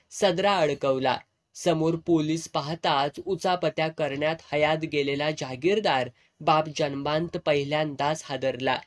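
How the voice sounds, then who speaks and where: A man with a fairly high voice tells a dramatic village story, painting scenes in vivid, earthy rural language. His delivery is expressive storytelling, steady through the narration.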